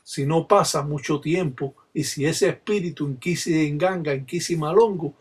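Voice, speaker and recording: A man, a Palo Mayombe practitioner, explaining a ritual in Spanish and reciting its chants in a steady rhythmic way. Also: on the high side, normal speed, breathy edge. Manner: rhythmic call-and-response recitation.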